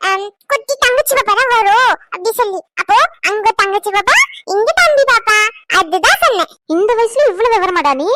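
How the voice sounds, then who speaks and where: A woman's voice: extremely high pitch, heavy background noise. Woman doing a lisping cartoon little boy. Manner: lisping childlike chatter. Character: small chatty little boy, curious. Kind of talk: cartoon family-drama voice acting.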